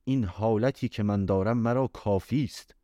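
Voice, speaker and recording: A man with a deep voice voicing a young enchanted prince, half turned to stone, who speaks in a sorrowful, pleading way. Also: mellow, dry recording, studio quality, lightly acted.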